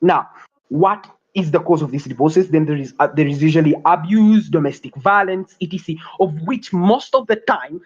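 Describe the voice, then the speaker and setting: A teenage student debater from Uganda delivering a competitive debate speech, often stumbling, repeating words and correcting himself. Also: male voice, fairly high pitch, moderate pace, breathy edge, muffled recording. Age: teens.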